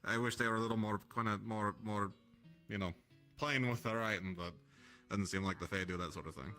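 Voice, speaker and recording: A man speaking in improvised role-play as a group's leader, haltingly, often stumbling over his words. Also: on the low side, pushed and bright, faint music behind. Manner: halting, stumbles through reading aloud. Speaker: group leader addressing a room in a live roleplay.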